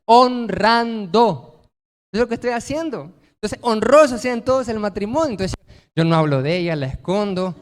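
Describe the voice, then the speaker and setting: A man's voice: high voice, in a large hall. A man preaching a sermon as pastor, emphatic, posing rhetorical questions and answering them himself.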